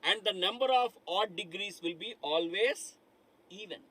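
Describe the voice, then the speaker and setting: Speaking at a normal speed, a middle-aged man with a high, sharp voice leads a live online lecture in a studio before a dark digital board, heard on a low-quality recording. Again and again he calls the class "my dear friends," asks them questions and repeats himself.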